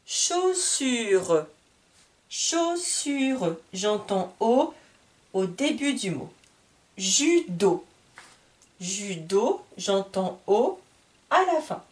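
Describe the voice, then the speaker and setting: Woman teacher, fairly high lively voice, very slow careful reading lesson for beginners. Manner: patient, careful articulation, repeats each word. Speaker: French teacher.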